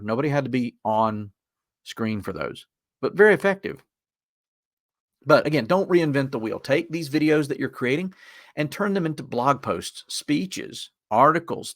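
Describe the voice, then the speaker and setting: A man with a Southern Appalachian accent presents a webinar in an informal, conversational way. His voice sits at a medium pitch and his delivery is folksy. The sound is dry, with very little room echo. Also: gravelly.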